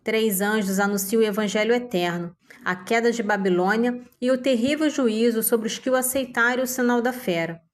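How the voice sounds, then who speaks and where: A woman calmly reading Bible passages and short summaries in an even, measured way. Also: a little high. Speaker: Bible reader.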